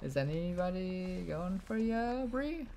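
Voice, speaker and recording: A woman's voice: fairly low pitch, lively intonation, slow, crowd noise. A woman streamer chatting in a laid-back way with friends while gaming, laughing often. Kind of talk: casual gaming chat.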